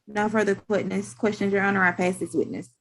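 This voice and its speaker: A woman speaking as a state's attorney in a formal, halting, procedural way on a video call. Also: medium pitch, fairly even intonation. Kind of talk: formal courtroom questioning.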